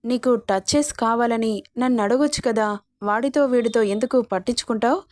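Using her own reading voice, a woman plays an arrogant young college bully, mocking, smug and threatening as he taunts someone. Her voice is fairly high with a darkish tone, delivered at a moderate pace with a natural sound and no room echo.

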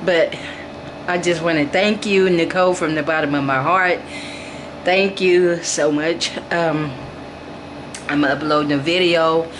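A woman speaks slowly in a lowish voice, drawing out her words and repeating them as she gushes over her reborn dolls. Her casual chat is caught in a noisy home recording with the hum of an air conditioner underneath. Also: steady tone. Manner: slow, gushing, repeats her phrases, cooing to her dolls. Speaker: vlogger showing her reborn doll nursery.

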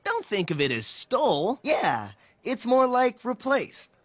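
A woman's voice: fairly high pitch, huge pitch swings, slow pace, no room sound, full character voice. A woman voicing a playful teenage boy from a band, joking in mock-formal tones, in a cartoon.

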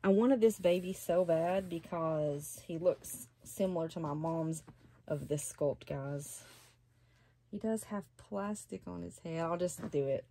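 An older woman chatting slowly and fondly in her small hobby room at home, gushing as she opens a doll box. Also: lowish voice. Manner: chatty, softly gushing, slow and unhurried. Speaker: reborn doll collector. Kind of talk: casual unboxing chat.

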